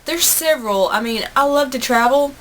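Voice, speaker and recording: An American woman in her twenties, a video blogger, chats casually and earnestly to viewers, answering their questions in an informal, rambling way. Her voice is high-pitched, animated and fairly bright, at a normal speed, and the home recording is noisy.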